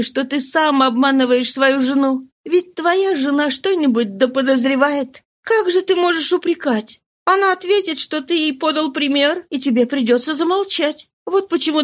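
A woman voicing an ailing young mistress who talks softly and persuasively in a read-aloud story. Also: high voice, voice pushed up, natural voice. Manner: soft-voiced, persuasive, coaxing.

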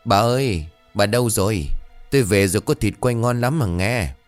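A man's voice: fairly low pitch, expressive, moderate pace, soft background music, natural voice. A man doing an anxious old country husband. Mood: calling. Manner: calls out loud, voice trembling. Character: anxious older rural husband.

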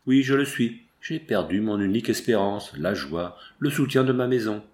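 A man's voice: on the low side, expressive, moderate pace, a little mellow, close to an everyday voice. A man reading the lines of a proud, grieving medieval prince in an audiobook, in a declamatory, pleading manner.

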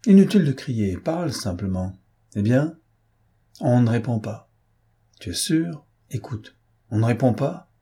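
A man voicing a cool, ironic gentleman thief who gives imperious orders in an audiobook. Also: mid-range voice, unhurried, pauses often, slightly rough, full character voice. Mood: mocking. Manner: imperious, calmly mocking orders. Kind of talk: audiobook character reading.

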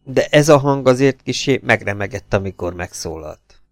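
A man narrating a pulp novel as an audiobook, reading in a lively, expressive way. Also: mid-range voice, no room sound, clean studio sound.

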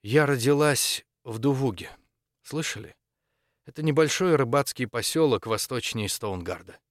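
A man's voice: mid-range voice, animated, normal speed, dry recording, clean studio sound, natural voice. A man voicing a composed female church dean. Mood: calm.

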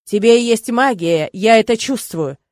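A haughty count full of contempt, pressing each word on his captive, as a woman voices him in an audiobook. The voice sits fairly high and the recording is dry and close. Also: animated, moderate pace, a little mellow, no room sound, close to an everyday voice. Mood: scornful. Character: haughty male count, menacing and scornful. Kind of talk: audiobook character reading.

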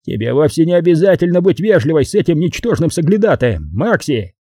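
A man voicing a hot-tempered, bald middle-aged business tycoon with a booming, gruff delivery. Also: very animated, normal speed, warm tone, dry recording, studio quality. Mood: blustering angry.

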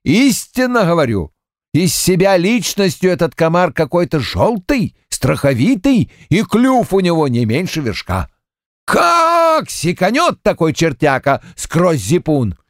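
A man's voice: on the high side, huge pitch swings, a little slow, no echo, clean studio sound, pitched above the performer's own voice. A man voicing a crafty, weathered Cossack farmer who spins boastful, mock-aggrieved tales. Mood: folksy.

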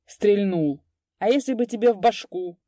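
A woman playing a loud, blustering village elder. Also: mid-range voice, moderate pace, no echo, clean studio sound, close to an everyday voice. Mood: scolding.

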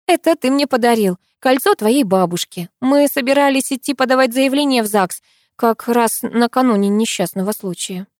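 A woman's voice: on the high side, normal speed, dry recording, clean studio sound, pitched above the performer's own voice, close to an everyday voice. Lyuba: a woman doing a sugary scheming young woman. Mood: sweet, coaxing. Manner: bright, coaxing, sugary. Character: sweetly scheming young woman, fake fiancée. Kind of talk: audiobook reading.

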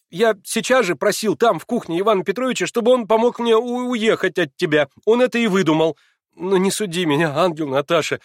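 A male reader puts on a breathless, impulsive young man in love, his voice pitched far above the reader's own and pushed loud. He gushes and pleads in a rush. The sound is dry and close. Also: no echo. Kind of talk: audiobook character voice.

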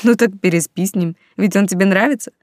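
A woman's voice: medium pitch, fast talker, darkish tone, no room sound, close to an everyday voice. A woman voicing a bold, blunt young woman who teases her friend, in a dry close reading. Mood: teasing. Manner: blunt, teasing.

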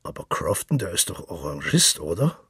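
A man's voice: low voice, big pitch swings, moderate pace, sharp tone, breathy edge, no room sound, clean studio sound, exaggerated voice. A man doing a coaxing genial friend. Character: genial, persuasive middle-aged male friend.

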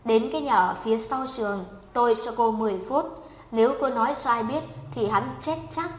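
A woman's voice: brisk, natural voice. A woman voicing a jealous, spiteful schoolgirl bully who barks insults and orders. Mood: threatening. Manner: shrill, insulting, commanding. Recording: echoey room with long reverb.

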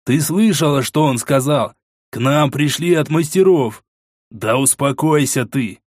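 A man reading an audiobook and voicing a gruff barbarian clan leader who barks orders. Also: on the high side, unhurried, no echo, clean studio sound. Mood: commanding. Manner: barking orders.

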